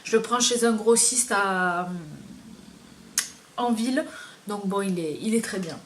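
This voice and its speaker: A woman's voice: medium pitch, a little slow, background noise. A woman beauty vlogger reviewing her used-up products in a casual, hesitant way, with many fillers.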